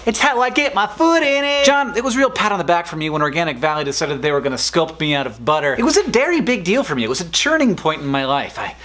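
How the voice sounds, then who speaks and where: A man's voice: a little high, fast talker, few pauses. A man in his thirties, a new father, telling dad jokes to camera in a playful comedic vlog. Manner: playful, animated joke delivery with mock dialogues. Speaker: video blogger, new dad.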